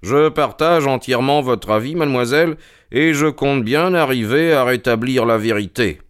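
A man voicing a calm, methodical detective who questions in a measured, inquisitive way. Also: medium pitch, smooth, no echo, studio quality, close to an everyday voice. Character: sharp, calm male detective, keen and methodical. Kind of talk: audiobook character reading.

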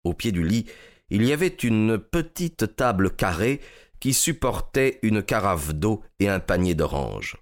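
A man narrating a story in a steady, measured audiobook reading. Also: fairly low pitch.

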